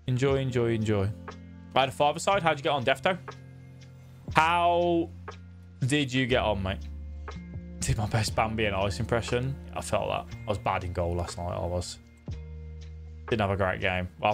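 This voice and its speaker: A young man chatting casually on a live game stream, greeting viewers by name and talking through his moves. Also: medium pitch. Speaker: gaming streamer.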